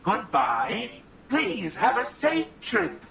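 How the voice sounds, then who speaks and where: A man voicing a polite robot clerk with a slow, courteous, formulaic delivery in a video game. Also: high-pitched, big pitch swings, creaky, sharp tone, roomy sound, slight background noise, full character voice.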